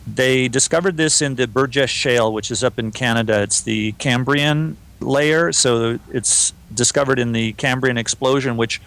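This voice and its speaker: A man co-hosting a podcast, chatting in a relaxed way and reading listener emails aloud. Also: mid-range voice, moderate pace, gravelly, hardly any pauses. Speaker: podcast co-host. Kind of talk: casual podcast discussion.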